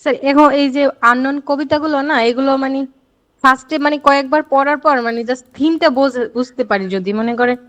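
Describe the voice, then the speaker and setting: A woman's voice: high voice, fast talker, a bit bright. A female student from Bangladesh, asking her teacher polite, hesitant questions in a live class. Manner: asks politely, many fillers, calls the teacher sir.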